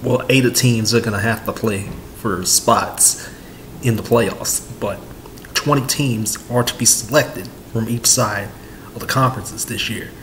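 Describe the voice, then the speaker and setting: A young man in his twenties rambles through casual sports commentary on his home vlog, full of fillers and repetition. His voice sits on the low side, steady and fairly bright, delivered a little slowly. It's captured by a webcam at his desk in a small room, with a faint hiss or hum.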